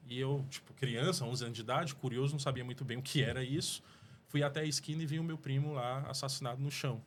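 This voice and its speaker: A man's voice: medium pitch, steady tone, fast talker, a little hiss or hum. A man with a Cearense accent, a political guest in a studio interview, talking earnestly and rambling with restarts. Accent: Cearense Portuguese. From Fortaleza, Brazil. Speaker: mayoral pre-candidate guest. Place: podcast studio.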